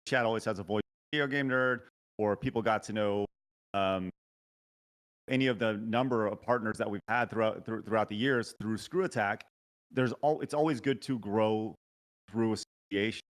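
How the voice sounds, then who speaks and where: This show host has a lowish voice at normal speed. He interviews a guest casually through a remote call mic, rambling and hesitating with plenty of filler and restarts, while the choppy call audio breaks up and drops in and out.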